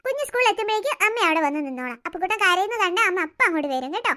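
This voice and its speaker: A woman's voice: very high-pitched, sing-song, racing, pushed and bright, voice pushed down, full character voice. A woman voicing a fussy cartoon mother of three who scolds and coaxes her children. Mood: coaxing. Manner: scolding, nagging, coaxing. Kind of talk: cartoon voice acting.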